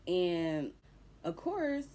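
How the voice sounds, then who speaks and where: A woman's voice: lowish voice, very animated, drawn-out words, mellow, a little hiss or hum. A young woman casually recapping a movie plot in loose, profane slang. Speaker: movie reviewer.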